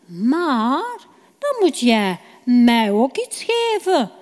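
Bargaining younger brother, coaxing and sly, a woman reading him, slow-spoken, hall echo. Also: sits high, big pitch swings, darkish tone, heavily acted. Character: scheming younger brother, calm shepherd. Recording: reverberant hall.

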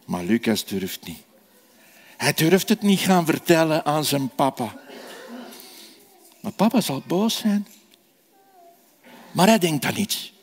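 A man telling a children's sermon, animated and asking the children questions. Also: on the high side, slow pace, pauses often. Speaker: children's preacher. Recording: echoey hall reverb.

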